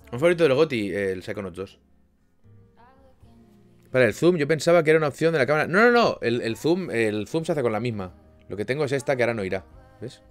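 A young man from chatting casually with viewers on a live stream, rambling with lots of restarts and sudden loud bursts. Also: fairly low pitch.

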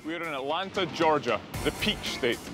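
A man co-hosting a travel show, tossing out dry, quick quips in a barbershop. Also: a little high, animated, low-quality recording. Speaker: co-host. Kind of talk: casual travel-show chat. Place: indoor barbershop. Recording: music bed under speech. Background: background music.

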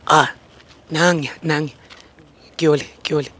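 A South African man hosting a street vlog, loud and pushy as he questions people about a debt. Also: a little high, steady tone, slow, breathy edge. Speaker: vlog host confronting a debtor. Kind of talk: street confrontation vlog, mixing languages.

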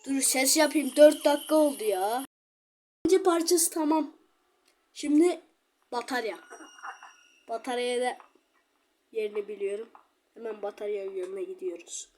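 A woman giving chatty, excitable gameplay commentary, talking straight to her viewers. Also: fairly high pitch, moderate pace, long pauses, a little hiss or hum. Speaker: gaming channel host.

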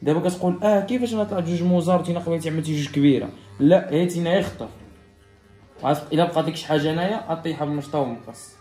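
With soft music playing in an echoey barbershop, a Moroccan-accented barber explains a haircut step by step, repeating each stage for his viewers. His slightly high voice is warm and races along.

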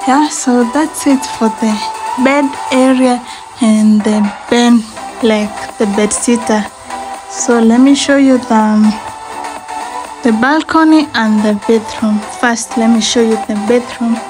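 Young Kenyan woman, chatty home-tour vlogger, unhurried, slightly high voice, handheld phone sound, faint music under. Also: rough recording. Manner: chatty, mixes in Swahili phrases. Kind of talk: house tour vlog. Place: small apartment bathroom and bedsitter, indoors. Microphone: phone camera held in hand.

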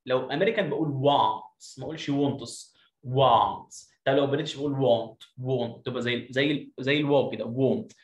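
A man's voice: mid-range voice, dull audio. Egyptian man teaching phonics, echoey room. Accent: Egyptian Arabic. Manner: reads English lines slowly, then explains quickly in Arabic. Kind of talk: explaining a phonics reading lesson.

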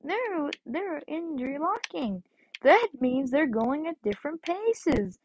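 Goofy male hedgehog hero, put on by a woman: high, lively, exaggerated amazement; playful fan dub. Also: takes it slowly, lo-fi sound, slight background noise, full character voice. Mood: amazed. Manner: silly, gushing, exaggerated amazement.

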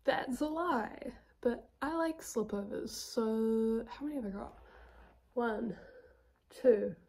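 A young woman with a southern New Zealand accent, chatting casually about her knitting projects, self-deprecating and quick to laugh. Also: a little high, animated, darkish tone. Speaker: knitting podcast host.

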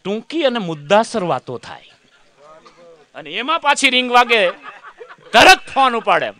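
A man's voice: very high voice, big pitch swings, unhurried, pushed and bright. A man doing a comic monologue, telling a chatty story, acting out other people's lines and teasing the audience. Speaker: comedian.

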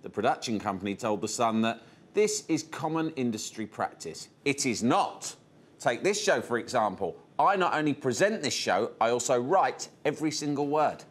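A man's voice: medium pitch, sing-song, moderate pace. A man hosting a comedy news show, delivering a straight-faced, mock-solemn monologue. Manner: straight-faced, with sudden angry outbursts. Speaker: host.

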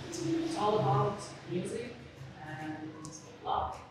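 A woman in her forties introducing herself on a conference panel, halting and filled with pauses. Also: medium pitch, very noisy. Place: conference stage in a hall. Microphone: handheld mic. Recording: echoey hall, distant.

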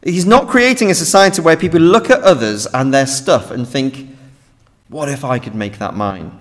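A young British man preaches an earnest, emphatic sermon at a lectern mic in a large, reverberant church hall. His mid-range voice is expressive, at a moderate pace.

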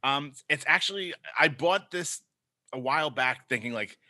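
Forceful, dry-sounding man with Brooklyn accent. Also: a little high, normal speed, dry recording. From Brooklyn, New York. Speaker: podcast guest, band singer. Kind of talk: casual chat. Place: indoor room at home, on a video call.

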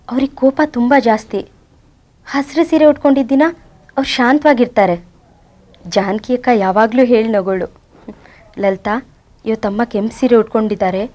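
A woman's voice: fairly high pitch, darkish tone, close to an everyday voice. An actress playing a devoted young wife who earnestly pleads with her husband, in a TV serial. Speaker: wife searching for her in-laws. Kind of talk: TV serial acting.

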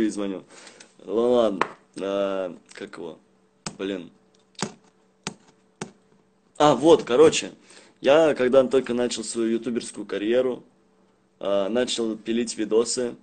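Young man, slightly low voice, street-tough slang, heavy swearing, halting casual livestream chat. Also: darkish tone. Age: young adult. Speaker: live streamer. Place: small indoor room at home. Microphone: phone at arm's length.

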